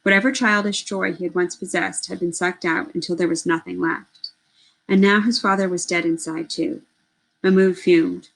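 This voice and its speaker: A woman reads a novel aloud with earnest, expressive delivery. Her voice sits a little low for a woman, and she now and then corrects a word as she goes. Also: moderate pace, creaky, low-quality recording. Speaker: reader.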